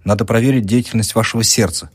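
A young student doctor speaks calmly and politely, firm when pressed, as a male narrator plays him. The tone is low and husky, a touch higher than the narration. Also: quick pace, no room sound. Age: young adult.

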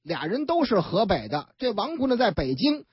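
A radio host tells the news like a storyteller, her voice rising and falling a great deal. She sounds a little husky, and the recording is dry and dull, like a lo-fi radio broadcast. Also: mid-range voice, moderate pace, no echo. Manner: chatty, lively storyteller who acts out the people in her stories.

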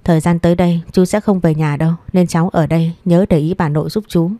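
A woman's voice: lowish voice, fairly even intonation, quick pace, mellow, dry recording, studio quality, close to an everyday voice. A woman voicing an adult man, a weary son standing up to his mother in an audio story, speaking firmly. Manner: firm, tired.

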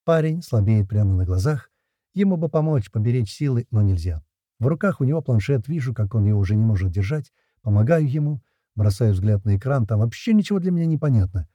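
A man's voice: mid-range voice, lively intonation, brisk, mellow, dry recording. A man narrating a first-person audiobook in a tense, gritty storytelling manner.

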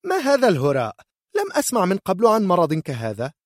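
A man voicing a furious, proud noble mother who shouts in outrage, with a shrill, loud voice. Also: wildly swooping pitch, fast, no room sound, clean studio sound, heavily acted.

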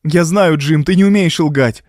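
A frightened young wife, as a male reader puts her on, pleads in a raised, unsteady voice. Her lines climb high and break with strain. The sound is dry and close to the mic. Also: unhurried, a little mellow, no room sound, natural voice. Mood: despairing. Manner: pleading, trembling.

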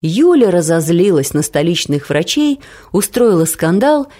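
A woman reads a first-person story aloud, her voice mellow and low-set. She tells it expressively, rising and falling a lot. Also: sing-song, unhurried. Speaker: audiobook narrator. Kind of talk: audiobook narration.

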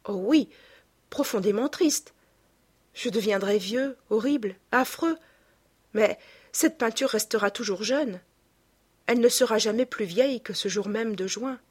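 Anguished young man, pleading and tearful, slightly raised and breathy, as a woman reader puts him on. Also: on the high side, a little slow, pauses often. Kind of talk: audiobook reading.

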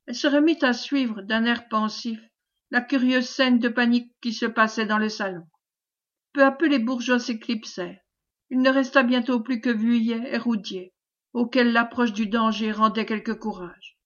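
A woman's voice: fairly high pitch, steady tone, normal speed. Woman narrating an audiobook, lo-fi. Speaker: audiobook reader. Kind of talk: scripted narration of a classic novel.

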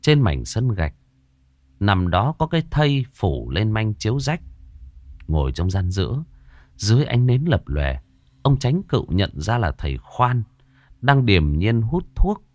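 Man reading a ghost story, low voice that swings up and down a lot, dry close sound. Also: big pitch swings, measured pace, a little mellow, dry recording. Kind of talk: scripted horror narration.

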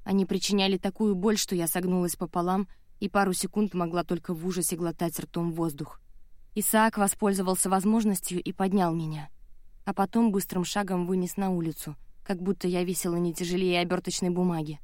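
A woman narrating a novel in the first person with steady, even reading. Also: fairly low pitch, a little fast, no room sound, clean studio sound. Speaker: audiobook narrator.

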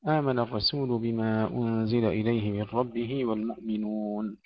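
A man teaching Quran recitation, moving between slow melodic recitation and brisk spoken explanation of pronunciation. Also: fairly low pitch, level tone, no room sound, lo-fi sound.

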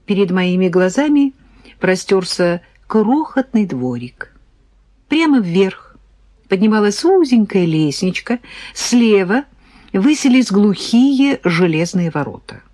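Woman, audiobook narrator, first-person story, expressive, mid pitch, dry close sound. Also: slow, no room sound.

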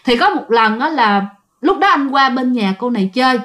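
Chatty woman storyteller for ghost story narration; high voice, speaks straight to the audience. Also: lively intonation, normal speed, fairly bright tone. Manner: chatty, addresses listeners directly.

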